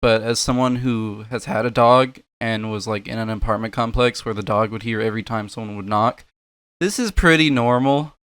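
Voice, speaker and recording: A young man delivers scoffing, profane commentary on online clips. His voice is smooth and clear, recorded close and dry with no room sound. He mocks and laughs at what he sees. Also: mid-range voice, normal speed, fairly bright tone, no room sound. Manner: mocking, swears a lot, laughs at clips. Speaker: commentary creator reacting to videos. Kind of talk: sarcastic reaction commentary.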